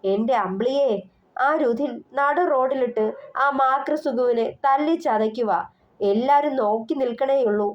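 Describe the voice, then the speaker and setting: A woman's voice: sits high, a little slow, muffled recording, pitched above the performer's own voice. A woman voicing an urgent, alarmed young woman bringing news in a storybook reading.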